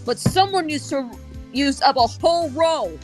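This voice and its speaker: A woman's voice: high voice, lively intonation, measured pace, faint music behind. A woman voicing a brash, feisty Southern country woman photographer with a folksy drawl. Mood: grumbling. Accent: American Southern.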